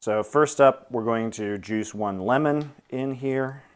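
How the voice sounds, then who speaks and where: A man's voice: medium pitch, slow pace, noisy background. A man hosting a casual cooking stream, explaining each step aloud with dry, teasing humor. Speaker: cooking show host.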